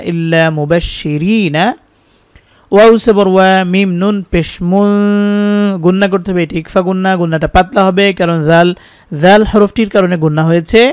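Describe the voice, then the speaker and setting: A man with a Bangladeshi Bengali accent teaching Quran reading, spelling each word letter by letter and then chanting the verses slowly. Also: sits high, a little mellow, clear, resonant tone, dry recording, studio quality. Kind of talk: spelled-out Quran recitation lesson.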